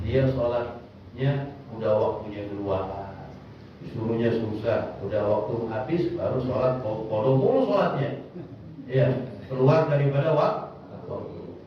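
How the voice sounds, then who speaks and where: A man's voice: medium pitch, measured pace, noisy background. A man teaching a casual religious study session, reciting Arabic lines and explaining them in everyday storytelling. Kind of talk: informal Islamic study sermon. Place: small prayer hall, echoey. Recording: echoey, distant, dull room recording.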